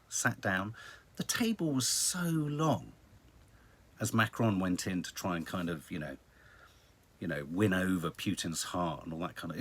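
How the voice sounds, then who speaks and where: A British man with a lowish, slightly rough voice hosts a casual live stream. He chats to viewers about the news, rambling and wry, and leans into dramatic emphasis.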